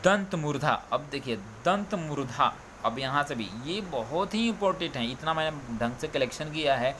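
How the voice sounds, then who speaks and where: Hindi tutor drilling letters with steady repetition. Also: male voice, a little high, moderate pace, faint music behind. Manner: drilling, repeats "ठीक है" often. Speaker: Hindi grammar teacher. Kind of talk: recorded coaching lesson.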